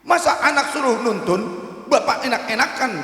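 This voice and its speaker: A male preacher voicing scornful villagers who shout and jeer in a high, loud voice, in an echoey hall. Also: normal speed, exaggerated voice. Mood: mocking. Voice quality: shrill and shouting.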